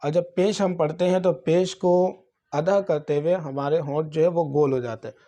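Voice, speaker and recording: Pakistani urdu accent guy teaching quran letters, slow stretched syllables, soft dark tone. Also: fairly high pitch, steady tone. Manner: drawn-out syllables in recitation drills. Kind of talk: slow spelled-out teaching lesson.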